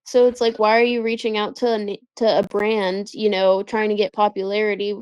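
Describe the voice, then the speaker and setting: A woman's voice: medium pitch, flat delivery, brisk, a little mellow, smooth, no room sound, dull audio. A woman co-hosting a casual podcast chat, telling gossip with lots of fillers. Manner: chatty, filler-heavy retelling of gossip.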